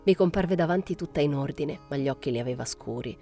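A woman reading a literary novel aloud as audiobook narration, in a measured, understated first-person style. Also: low-pitched, dark tone, faint music behind. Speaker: audiobook reader.

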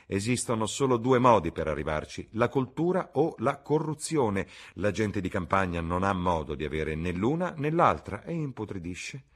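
A man reading a witty, cynical aristocratic gentleman in an audiobook, drawing out his ironic lines. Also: on the low side, big pitch swings, pitched above the performer's own voice. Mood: amused, teasing. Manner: languid, ironic, drawn-out delivery.

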